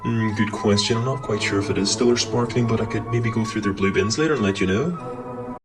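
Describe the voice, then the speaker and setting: Pompous man with a lowish voice. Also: fairly quick, music in the background, rough recording. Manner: pompous, snooty and indignant. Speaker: comedian playing a posh prank caller. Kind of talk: character comedy sketch.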